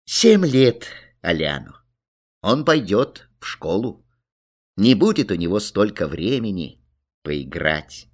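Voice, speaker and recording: A man narrating a children's story with an expressive delivery. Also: lowish voice, slow pace. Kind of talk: storybook reading.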